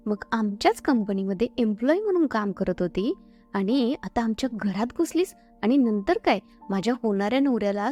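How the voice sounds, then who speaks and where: A woman voicing a spoiled, bossy young bride-to-be who shouts and taunts, over faint background music. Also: fairly high pitch. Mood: taunting.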